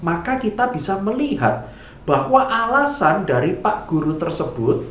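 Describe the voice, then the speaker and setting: A man teaching Sunday school, telling a story slowly and animatedly to children. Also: high voice, sing-song, slight background noise. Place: church room. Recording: echoey room.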